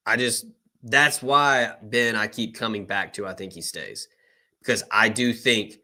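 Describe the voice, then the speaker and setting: A man's voice: medium pitch, sharp tone. A man co-hosting a live sports talk stream, giving opinions on recruiting in a casual, conversational way with frequent fillers. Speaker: co-host, recruiting reporter. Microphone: live stream remote setup.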